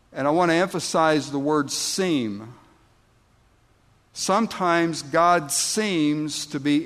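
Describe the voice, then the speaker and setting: A man preaches a sermon in a church, his voice sitting a little high for a man. He takes his time, leaning on words and pausing, then punches out emphatic lines. The sound carries a long reverb from a large hall. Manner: slow, deliberate preaching with emphatic outbursts. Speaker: pastor.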